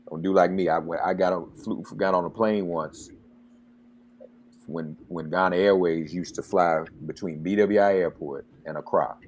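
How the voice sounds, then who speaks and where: Deep-voiced passionate radio host. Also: male voice, darkish tone. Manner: passionate, preacherly, gets worked up. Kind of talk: interview and commentary.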